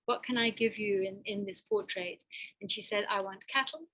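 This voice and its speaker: An artist from Botswana presents a slideshow of her work, speaking hesitantly and thoughtfully with many restarts. Her medium-pitched voice is animated and a bit bright at a moderate pace, but the recording quality is low.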